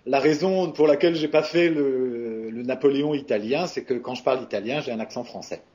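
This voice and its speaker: In a muffled, lo-fi recording, a man from France who works as a voice actor responds to an interviewer. His mid-range voice is a touch mellow and fairly quick. The delivery is casual and halting, with plenty of fillers and false starts.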